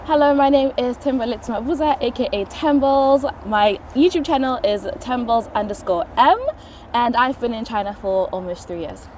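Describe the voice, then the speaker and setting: A woman's voice: on the high side, normal speed, a little mellow. A woman introduces herself and talks about feeling safe, in an easygoing way. She sounds slightly distant from the mic over light noise. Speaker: interviewee and YouTuber. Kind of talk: casual interview answers.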